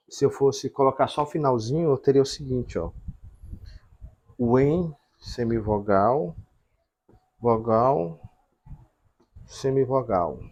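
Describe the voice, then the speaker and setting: Man, husky voice, whiteboard lesson, step-by-step explaining. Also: mid-range voice, darkish tone. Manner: explains step by step with frequent check-ins. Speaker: teacher.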